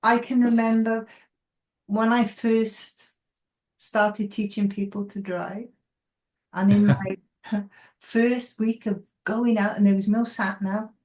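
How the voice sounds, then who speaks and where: A woman facilitating a casual conversation, telling stories in an excitable way, recorded in an echoey room. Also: mid-range voice, takes it slowly, pauses often. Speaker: group facilitator.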